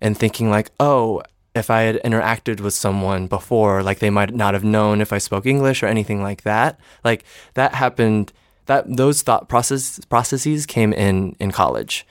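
A man's voice: on the low side, normal speed, clean tone, dry recording, clean studio sound. A young man from Michigan in his twenties, an actor and singer, chatting casually as an interview guest, hesitant with many fillers and restarts. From Michigan, United States.

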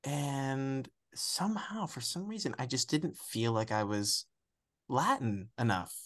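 A young man from the United States, an actor giving a candid, reflective interview, often pausing and restarting as he searches for words. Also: mid-range voice, lively intonation.

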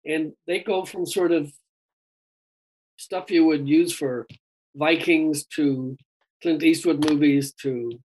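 A man's voice: fairly high pitch, fairly even intonation, slow, pauses often, a little mellow, poor audio. A man, a singer being interviewed, talking in a chatty, rambling, casual way and often saying "dude". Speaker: guest singer. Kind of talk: casual chat.

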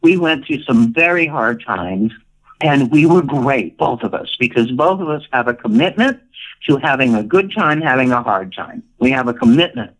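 An older woman spins her stories with a pitch that leaps all over the place, playful and theatrical. She laughs often and plays out the voices in her quotes. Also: animated, moderate pace, low-quality recording. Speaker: guest, retired performer. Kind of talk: casual storytelling interview.

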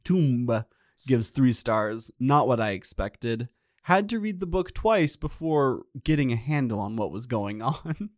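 A man hosting a casual podcast who reads reviews aloud and adds dry jokes. His voice sits at a middle pitch, and the sound is dry and close to the mic. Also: very animated, a little slow, darkish tone, dry recording. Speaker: podcast host reading reviews. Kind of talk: casual chat and reading aloud.

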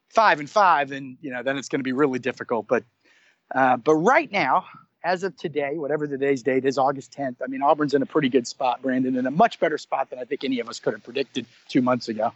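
A man's voice: fairly high pitch, fairly bright tone, no echo, dull audio. A man reporting on college football recruiting in casual podcast chat, rambling and correcting himself as he goes. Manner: rambling, self-correcting, many restarts. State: hiccups.

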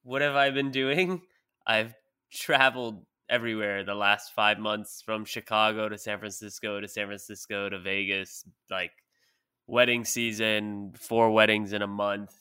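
Bright, crisp-voiced teasing male guest. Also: on the low side, steady tone, a little slow. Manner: playful, teasing, laughs often. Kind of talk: casual sports podcast chat.

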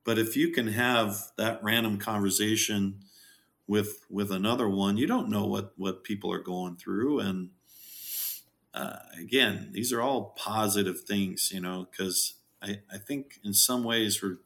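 A middle-aged man, a farm owner, chatting as a podcast guest in a jokey, animated way and acting out quotes. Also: measured pace, gravelly. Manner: jokey, animated, acts out quotes with big pitch jumps. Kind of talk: casual interview chat.

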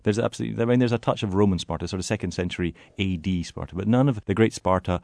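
A man's voice: low-pitched, racing, vocal fry, darkish tone, dry recording. A man talking as a tour guide guest in an interview, articulate and wry with emphatic wording. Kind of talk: conversational interview.

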